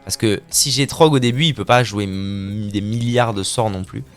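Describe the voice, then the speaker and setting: A man's voice: lowish voice, moderate pace, clear, resonant tone, faint music behind. A man streaming a card game live, narrating his plays with playful, crude trash talk and silly mouth sound effects. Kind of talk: live gameplay commentary.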